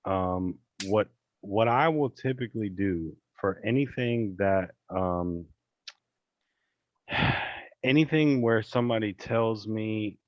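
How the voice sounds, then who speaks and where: A man coaching on a casual screen-share call, chatty and relaxed, with many fillers and restarts. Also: lowish voice, takes it slowly, dry recording, highs cut off. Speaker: real estate investing coach. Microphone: video call.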